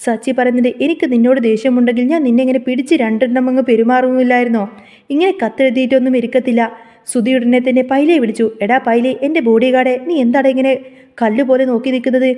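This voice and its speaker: High, fast-talking woman recapping a serial. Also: dark tone. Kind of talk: retelling a TV serial episode.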